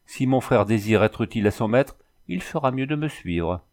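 A man voicing a calm young woman who answers in cold, terse phrases. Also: mid-range voice, normal speed, lightly acted. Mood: cool.

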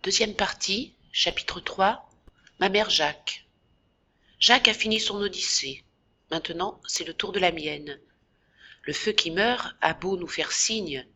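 A woman narrating a classic novel in a measured, expressive audiobook reading. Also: fairly low pitch, slightly rough. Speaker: audiobook reader.

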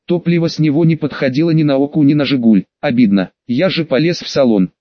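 A man's voice: fairly high pitch, no echo. Man reading an audiobook, dull dry sound. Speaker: audiobook narrator. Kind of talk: audiobook narration.

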